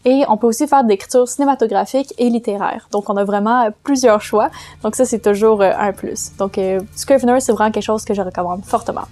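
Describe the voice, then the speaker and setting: A woman's voice: mid-range voice, brisk, mellow. A woman with a Quebec French accent, chatting casually as she explains her writing tools in a vlog, loose and full of hesitations. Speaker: vlogger giving writing tips.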